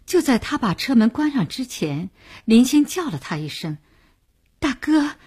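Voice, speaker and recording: A woman narrating a novel as a radio serial reader, with a measured storytelling delivery. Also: a little high, big pitch swings, dark tone, breathy edge.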